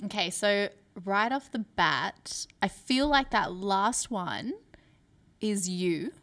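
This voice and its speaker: A woman's voice: mid-range voice, lively intonation, takes it slowly, a bit bright. A woman co-hosting a podcast in casual chat, skeptical and teasing, with casual swearing. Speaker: podcast co-host.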